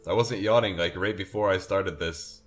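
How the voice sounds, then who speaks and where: This gameplay commentator is a drowsy young man who yawns, rambles, and keeps correcting himself while playing a farming game. He has a deep, fairly bright voice at a normal speed. Soft music runs in the background.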